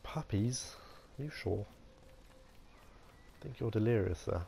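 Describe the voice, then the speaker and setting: A man narrates his own gameplay in a loose, chatty way, joking and muttering to himself. His voice sits low with a gravelly edge, and faint noise hums under the recording. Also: animated, measured pace, dark tone. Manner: chatty, playful, talks to himself while playing. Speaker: gaming video host. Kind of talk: casual let's-play commentary.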